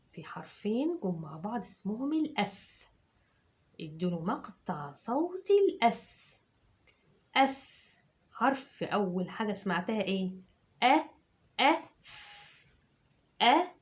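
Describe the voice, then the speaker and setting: An Egyptian woman teacher dictating words to children, patiently breaking them into drawn-out syllables and repeating them. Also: mid-range voice, big pitch swings. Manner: slow, syllable by syllable, drawn-out sounds.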